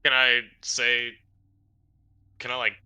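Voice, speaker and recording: A man's voice: mid-range voice, completely flat delivery, slow pace, bright, forceful tone, clear, resonant tone. A man playing a tabletop game, eager and asking questions. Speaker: player. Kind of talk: casual tabletop play.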